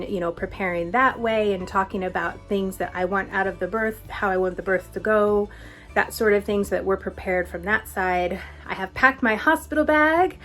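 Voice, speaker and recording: A young pregnant woman casually answering viewer questions in a vlog, chatty and laughing often, a little out of breath. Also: mid-range voice. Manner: chatty, frequent laughs and filler words. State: heavily pregnant, a bit out of breath.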